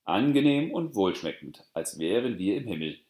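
A man's voice: on the low side, very animated, moderate pace, a little mellow. A man voicing envious, mocking aunts in a fairy-tale audiobook, with a taunting, scornful manner. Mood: coaxing. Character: group of mocking, envious women. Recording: roomy echo.

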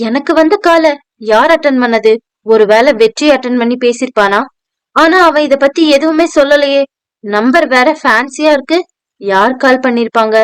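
A woman's voice: high voice, moderate pace, clean tone, no room sound, natural voice. A woman voicing a polite, anxious young working woman who speaks respectfully to her boss, in an audio novel. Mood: puzzled. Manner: hesitant, respectful, addressing a superior. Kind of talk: audio novel dialogue reading.

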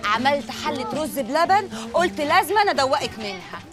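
A woman with an Egyptian accent, sweet-talking and flattering an older neighbor. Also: high-pitched, fairly quick, over music. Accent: Egyptian Arabic.

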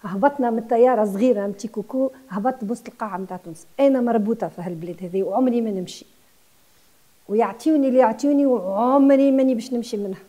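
A woman's voice: a little high, rapid-fire, warm tone. A Tunisian woman in her sixties who runs a guesthouse, speaking with passion as a TV interview guest and mixing in French words. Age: 60s. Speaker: guesthouse owner.

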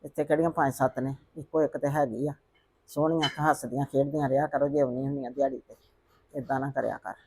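A woman playing a patient, soothing mother-in-law in a family drama who keeps advising calmly. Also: rumbling low, quick pace, slight background noise. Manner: calm, soothing, calls her "son".

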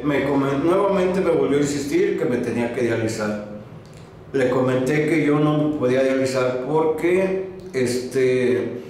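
A man's voice: mid-range voice, a little mellow. A man in his sixties, a patient telling his story in an interview, hesitant with many fillers and restarts, recorded in a small medical office. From Mexico. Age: 60s. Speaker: patient giving a testimonial. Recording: echoey small room, faint noise.

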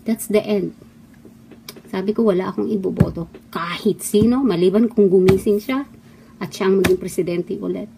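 A woman's voice: medium pitch, steady tone, normal speed, creaky, noisy background. A middle-aged woman from the Philippines, a former actress, delivering a heated, scolding monologue full of mocking rhetorical questions. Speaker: former actress giving opinions. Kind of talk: impassioned monologue. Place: abroad, away from the Philippines.

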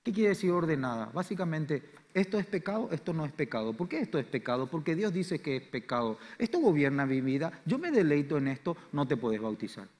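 Impassioned Paraguayan preacher in a reverberant church. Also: male voice, very animated, a little fast, few pauses. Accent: Paraguayan Spanish. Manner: impassioned preaching, swings between loud declarations and quiet low lines. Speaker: pastor. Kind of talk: sermon. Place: church sanctuary.

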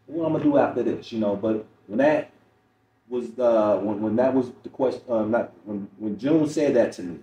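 Speaking at a moderate pace in a warm, medium-pitched voice, this middle-aged Chicago stand-up recounts stories as an interview guest on a podcast, replaying conversations as he goes. The mic sounds distant and roomy, with a bit of faint noise.

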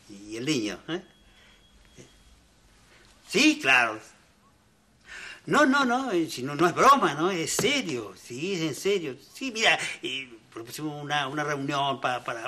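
A stammering, flustered friend. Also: male voice, a little high, pushed and bright, a little hiss or hum, exaggerated voice. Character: nervous male friend fumbling a cover story. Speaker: friend covering for him in a telenovela. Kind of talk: telenovela acting.

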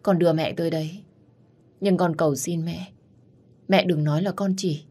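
A woman's voice: on the low side, steady tone, normal speed, darkish tone, lightly acted. A woman voicing a manipulative young woman who talks through tears and pleads. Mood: tearful pleading. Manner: tearful, pleading. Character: sobbing manipulative young woman, daughter-in-law hopeful.

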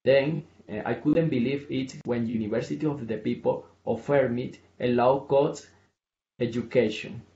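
A man from Colombia gives an earnest, slightly halting prepared speech. His voice is mellow and dark, in a roomy, dull-sounding recording. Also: medium pitch, steady tone. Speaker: graduate and donor.

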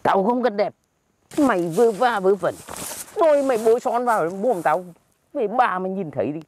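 A woman's voice: medium pitch, expressive, normal speed, a little mellow, slight background noise, lightly acted. A woman playing a stingy, grumpy old village grandfather who scolds bluntly in a comedy skit. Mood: grumbling.

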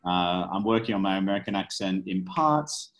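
A man with an Australian accent speaking as a panelist on a video call, relaxed and self-deprecating. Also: deep voice, moderate pace, poor audio. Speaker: panelist, HR consultant.

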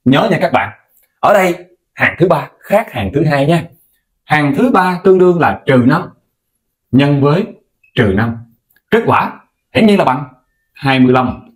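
A man explaining a math lesson to viewers in a lively, coaxing way, speaking to them directly. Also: a little high, unhurried, pauses often. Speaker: math teacher.

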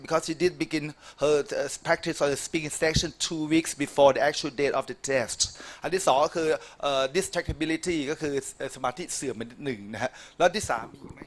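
A middle-aged man who teaches English, running a lively score review with a student in front of a class. He teases, praises and calls for applause while slipping between Thai and English, his voice sitting a little high. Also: slow, few pauses. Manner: animated, teasing, praising, addresses audience.

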